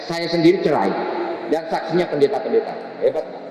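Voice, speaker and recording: A middle-aged man giving a lively spoken testimony in a mosque, telling his story and taking on the voices of the people in it. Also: a little high, fairly quick, a little hiss or hum. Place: large mosque hall. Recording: echoey hall reverb.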